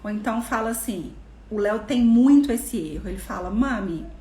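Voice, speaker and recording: A young adult woman teaching parents in an instructional talk, animated and acting out parent-child dialogue with stretched-out phrases. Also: mid-range voice, moderate pace. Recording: echoey room with faint noise.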